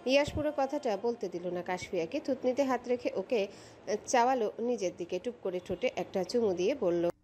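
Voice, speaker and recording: A woman narrating a romantic audio story in a steady, expressive storytelling voice. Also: on the high side, a little fast, soft background music.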